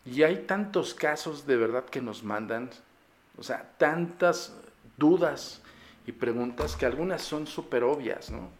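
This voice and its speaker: Mexican male podcast host, gravelly, exasperated and blunt in a casual monologue. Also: medium pitch, lively intonation, measured pace. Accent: Mexican Spanish.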